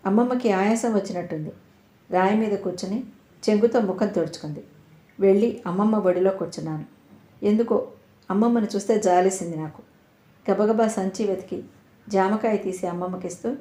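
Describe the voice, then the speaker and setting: A woman storyteller reading a first-person audio story in a soft, reflective way, in a roomy echoing recording. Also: medium pitch. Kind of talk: scripted audio-story narration. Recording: roomy echo.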